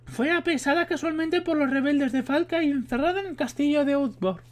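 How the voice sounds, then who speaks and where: A man from Spain reading aloud and putting on a high falsetto for a sorceress woman who tells history, stumbling now and then over the words. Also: brisk. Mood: storytelling. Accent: Spain Spanish. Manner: reads with stumbles and restarts. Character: poised adult sorceress woman telling history.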